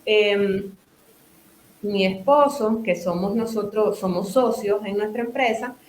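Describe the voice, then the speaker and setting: Slow and medium-pitched, the woman's voice is reverberant with slight background noise. She's a guest in an interview conversation, a talkative business owner and psychotherapist from Nicaragua who explains at length with restarts and asides.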